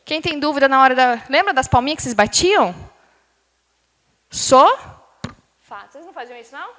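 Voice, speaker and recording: A fairly high-voiced woman teaching a live class, quizzing the room and stretching words out slowly for emphasis. Her voice rings with the long reverb of a large hall. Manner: lively, questioning the class, drawing out words.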